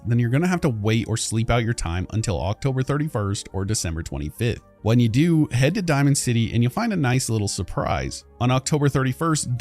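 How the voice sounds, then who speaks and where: A man's voice: medium pitch, darkish tone. Chatty male gaming lore narrator. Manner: casual, chatty, addresses viewers as "you guys". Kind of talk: scripted video narration.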